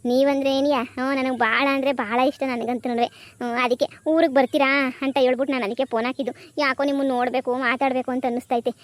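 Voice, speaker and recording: A woman doing a sharp-tongued young village wife. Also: high voice, level tone, fast talker, close to an everyday voice. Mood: pleading. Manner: pleading sweetly to her father-in-law, then scolding with contempt. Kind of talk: cartoon comedy voice acting.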